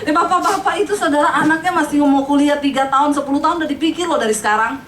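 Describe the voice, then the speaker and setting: High-voiced woman preaching with humor. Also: rapid-fire, a crowd in the background. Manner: chatty, acts out quoted people, laughs often. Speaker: pastor. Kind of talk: humorous sermon. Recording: echoey hall, heard from a distance.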